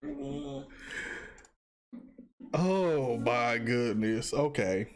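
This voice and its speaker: Tearfully laughing streamer, slow and lively. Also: mid-range voice, vocal fry. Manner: breaks off mid-sentence, exclamatory and disbelieving. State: laughing to the point of tears. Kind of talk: casual live-stream reaction.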